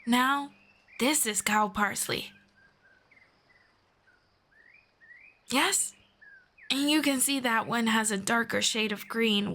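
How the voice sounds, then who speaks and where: In a roleplay audio drama, a woman plays a friendly, curious elf, addressing one listener in a gentle, measured, formal manner. Her voice is high-pitched, with a little hiss or hum.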